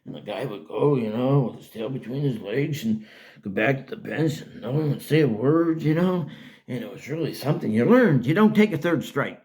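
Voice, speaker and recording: An older man from Canada spins a folksy, rambling tale from his boyhood. His voice is gravelly and a bit husky, with an easy, lively storytelling flow. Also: medium pitch. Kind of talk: casual spoken memoir.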